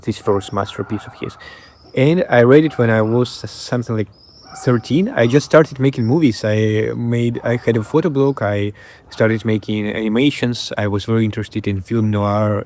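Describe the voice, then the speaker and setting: A man from Belarus with a Belarusian accent talks casually to camera as a creator, pausing and repeating phrases while he searches for words. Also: medium pitch, darkish tone, a little hiss or hum. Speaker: video creator and host.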